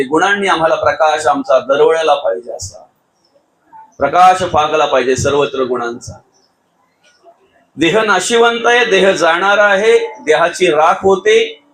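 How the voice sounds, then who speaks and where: A high-pitched man delivering a devotional sermon with a rural Thane-region Marathi accent. He preaches emphatically, swinging between raised, near-shouted lines and softer asides, and keeps calling his listeners Mauli. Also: low-quality recording. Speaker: kirtankar preacher.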